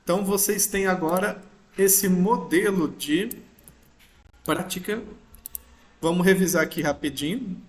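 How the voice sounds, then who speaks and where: A man gives a recorded grammar lesson in a slow, deliberate way, pausing to check that his students follow. His voice sits somewhat high. The sound carries a noticeable echo from the room around him. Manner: patient, explains step by step, frequent "ok?" check-ins. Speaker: English teacher. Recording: roomy echo.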